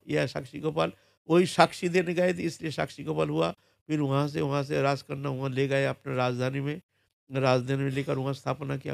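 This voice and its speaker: Gravelly monk telling a holy story. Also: male voice, a little high, dry recording, clean studio sound. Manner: animated, conversational, with frequent tag questions. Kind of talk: devotional storytelling sermon.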